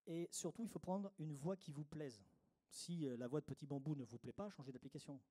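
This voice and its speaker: A man's voice: fairly high pitch, a little fast, mellow, breathy edge. A middle-aged man giving a workshop talk on meditation to a live audience, didactic, repeating his key phrases with frequent fillers.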